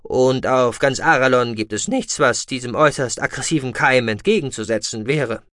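A man's voice: medium pitch, normal speed, fairly bright tone, no echo, studio quality, natural voice. A man voicing a nervous but determined male alien doctor in a science-fiction audiobook, talking earnestly. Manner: nervous, then theatrically earnest.

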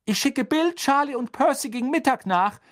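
A man voicing a stern middle-aged mother who scolds in a sharp, shrill tone. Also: expressive, normal speed. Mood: curt.

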